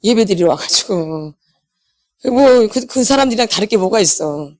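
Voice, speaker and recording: A woman's voice: mid-range voice, animated, normal speed, a little mellow. A middle-aged woman preaching to her congregation. She keeps asking them questions and answers them herself. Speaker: pastor's wife leading a healing meeting. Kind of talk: sermon.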